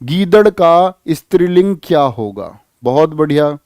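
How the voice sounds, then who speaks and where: Brief: male tutor, higher-pitched voice, dry close recording, quizzes the class and repeats himself. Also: unhurried, clean tone, no echo. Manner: lively, repeats questions and prods students to answer. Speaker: Hindi grammar teacher for police exam students. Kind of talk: live online exam-prep class.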